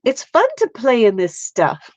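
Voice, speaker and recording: On a casual live art stream, a woman with a slight Canadian accent chats and giggles with viewers while she crafts. Her voice is fairly high and darkish in tone, and the audio sounds dull.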